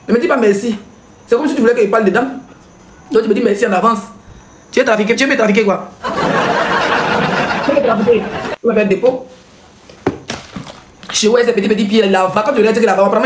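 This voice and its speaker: A woman's voice: mid-range voice, a little mellow, echoey room, a little hiss or hum. A woman blogger, hosting a live stream and commenting in a mocking, laughing way. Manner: mocking, laughing, rapid back-and-forth with viewers.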